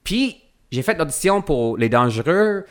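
A man's voice: on the high side, very animated, a little slow. A middle-aged English-speaking Canadian man, a guest actor, speaking French in a casual podcast interview with many fillers and restarts.

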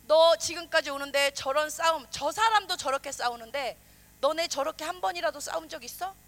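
A woman pastor preaching a sermon, animated, questioning the congregation and acting out quoted voices. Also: sits high, brisk.

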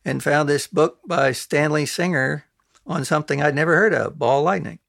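A man's voice: fairly high pitch, normal speed, creaky, fairly bright tone, no room sound, clean studio sound. A man, an engineer and scientist, talking casually in an interview.

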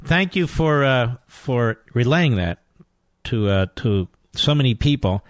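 A man hosting a talk radio show, speaking forcefully and asking indignant rhetorical questions. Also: medium pitch, dry recording, clean studio sound. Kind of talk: talk radio monologue and call-in.

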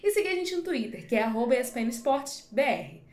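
A woman podcast host chatting through her sign-off, upbeat and quick to laugh, with her voice echoing around an empty, unfurnished room. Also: high-pitched, expressive, darkish tone. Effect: echo of an empty room. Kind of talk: casual podcast outro. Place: empty newly moved-into home. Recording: echoey voice in a bare empty room.

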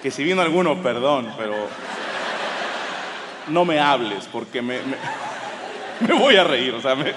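A Mexican man with a Mexican accent performing stand-up comedy, telling a profane, animated story to a live audience. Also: medium pitch, measured pace, long pauses. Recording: live hall with crowd and noise. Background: audience laughter and murmur.

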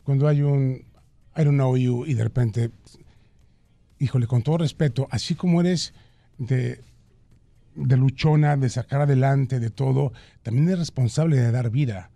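A man's voice: mid-range voice, a little slow, creaky, warm tone, dry recording. A man, a guest actor in a radio studio, joking and then answering earnestly. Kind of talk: playful studio chat.

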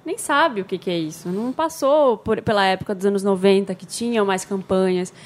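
A woman's voice: medium pitch, brisk. A woman co-hosting a casual podcast, giving earnest opinions. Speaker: podcast co-host. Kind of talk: casual chat.

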